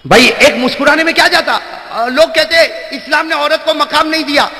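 A man preaching a sermon, shouting points and questioning the crowd. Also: very high-pitched. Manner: shouting emphatic, quizzes the crowd. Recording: long hall reverb.

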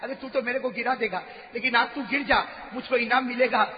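Old beggar man, frail and humble, soft earnest plea, muffled lo-fi sound, a man acts it. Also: very high voice, fairly even intonation, pitched above the performer's own voice. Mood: pleading. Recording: echoey hall, muffled sound.

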